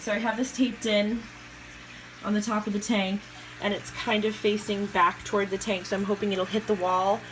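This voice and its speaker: Chatty, excitable woman vlogging at home. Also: mid-range voice, background noise. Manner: chatty, excitable, with giggles and self-corrections. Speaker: goldfish keeper vlogger. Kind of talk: casual home video narration. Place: home room with a fish tank.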